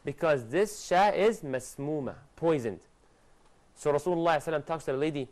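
Speaking at a fairly high pitch, a young man teaches a religious lesson on television to studio guests. He gestures energetically and rattles off Arabic verses at speed, picked up by a lapel mic in the studio.

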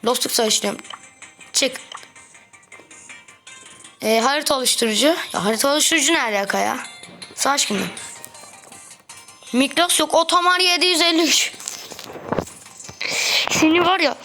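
A woman talking through her matches as a gaming video creator, chatty and quick to get exasperated with teammates. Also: high-pitched, sharp tone. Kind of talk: gameplay commentary. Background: background music.

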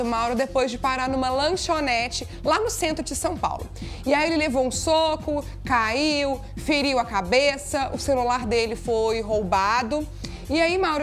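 A woman in her thirties from Minas Gerais, chatty and exclamatory, presenting a gossip segment in a TV studio. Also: high-pitched. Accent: Brazilian Portuguese, Minas Gerais. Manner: chatty, exclamatory, addresses viewers as "gente". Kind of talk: lively TV studio chat.

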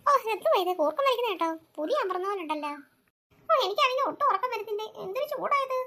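A woman's voice: extremely high pitch, animated, fast, a bit bright. A woman voicing a young girl alone at night in a cartoon, frightened and muttering to herself. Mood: musing. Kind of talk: cartoon voice acting.

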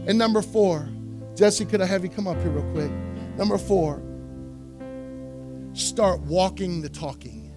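Pastor, male, very high-pitched voice, emphatic repetitive preaching, soft guitar underneath. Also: measured pace, pauses often. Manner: emphatic preaching that swings from quiet asides to loud exhortation; repeats phrases for emphasis. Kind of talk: sermon. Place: church sanctuary.

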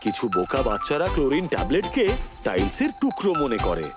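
A performer voicing a wry, teasing storyteller who narrates a children's cartoon dub over loud music. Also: mid-range voice, huge pitch swings, fast.

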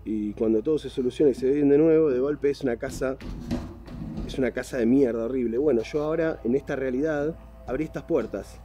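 A man's voice: mid-range voice, fairly quick. A young man with a Rioplatense Spanish accent giving jumpy, exclamatory let's play commentary to his viewers. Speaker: VR gaming YouTuber. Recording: voice over loud game music.

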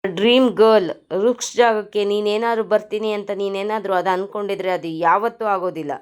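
A furious young man spitting harsh accusations and insults, as a woman reader voices him in a serial recap. The delivery is clear and smooth, with the anger carried in the words more than in a changed voice. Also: mid-range voice, fairly even intonation, a little fast, natural voice.

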